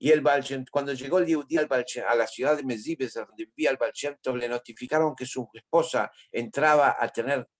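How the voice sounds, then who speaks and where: A rabbi delivers a storytelling sermon. He talks earnestly and with animation, at a mid pitch for a man. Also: a little fast, few pauses.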